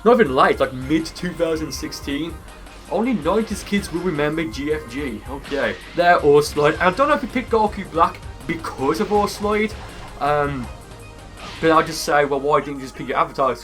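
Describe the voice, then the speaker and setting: Higher-pitched man doing casual gameplay commentary. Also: expressive, normal speed, a bit bright. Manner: rambling, conversational. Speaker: gaming video creator. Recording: music behind the voice. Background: music.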